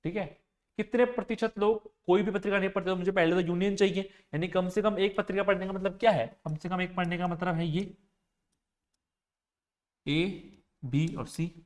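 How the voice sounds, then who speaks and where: A man with a high voice teaches an exam-prep maths and reasoning class at a normal pace and fairly even intonation. He works through each step and frequently checks that his students are following.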